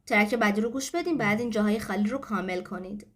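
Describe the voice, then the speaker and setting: A woman English teacher patiently explaining grammar to learners, mixing explanation with example sentences. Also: medium pitch. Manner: patient, explanatory, switching between languages.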